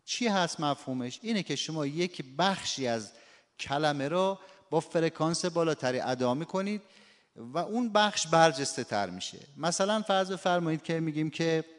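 A man's voice: a little high, animated. Man lecturing in a reverberant hall. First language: Persian. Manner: explanatory, slows down to demonstrate word stress. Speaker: teacher. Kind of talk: spoken lecture on phonetics. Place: lecture room or workshop.

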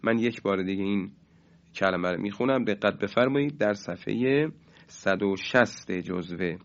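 A man teaching Quran recitation rules in a radio lesson, speaking in a measured way, drawing out key terms slowly and chanting example words louder. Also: lowish voice, lo-fi sound.

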